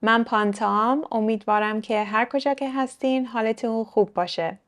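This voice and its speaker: A young woman who hosts her own online channel, teaching Persian vocabulary with patient, clear explanations and English glosses. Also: a little high, steady tone. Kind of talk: online language lesson, explaining words.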